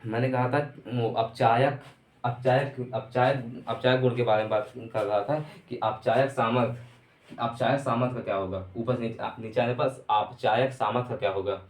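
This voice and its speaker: A man's voice: medium pitch, fairly even intonation, normal speed. A man gives an online chemistry lecture in a room with lots of echo. His voice sits in a middle range. He repeats himself and asks rhetorical questions as he explains. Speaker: chemistry teacher. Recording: echoey room.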